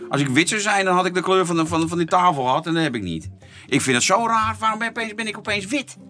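A man co-hosting a gossip show, arguing bluntly in casual chat and bursting into loud laughter. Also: sits high, animated, quick pace, faint music behind. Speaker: podcast co-host.

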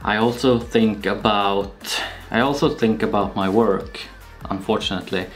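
A young man with a Swedish accent, talking slowly and casually to camera in a home vlog, with many pauses and fillers. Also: lowish voice, soft background music. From Sweden. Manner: slow and relaxed, with frequent pauses and fillers. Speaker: YouTuber. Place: small home room with shelves, indoors. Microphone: camera-mounted shotgun mic.

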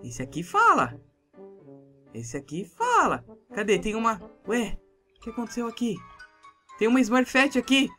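A man with a Brazilian Portuguese accent narrating a Minecraft role-play in an excitable, exclamatory way. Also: extremely high pitch, unhurried, long pauses, faint music behind. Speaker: gamer YouTuber.

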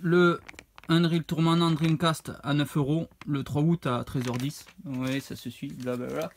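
A man's voice: on the high side, little pitch movement, unhurried. Rambling man, faint hiss. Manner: rambling, hesitant, reads out prices. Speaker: retro game collector showing purchases. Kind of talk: casual unboxing vlog.

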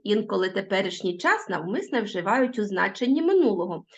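A woman teacher talks straight to her pupils, reading word forms slowly and one at a time. Her pitch rises and falls in a lively way. The recording sounds a little dull and lo-fi. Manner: clear, patient dictation, spelling out word forms one by one; addresses pupils directly, asks them to pause the video. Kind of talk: recorded school lesson.

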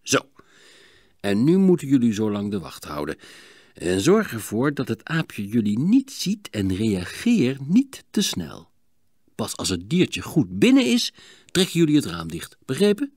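A man reading an audiobook voices a patient, clever doctor in a raised, instructive tone with a lively voice. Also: medium pitch, measured pace, no echo, studio quality. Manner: calm, instructive, raised and bright.

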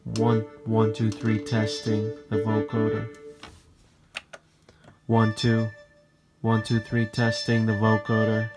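Over music, a robotic vocoder voice of uncertain sex repeats brief mic-check phrases as part of a musician's synthesizer demonstration. Medium in pitch, it is completely flat, takes its time, and leaves long pauses. Synthesizer tones overlay it, with keyboard playing in the background.

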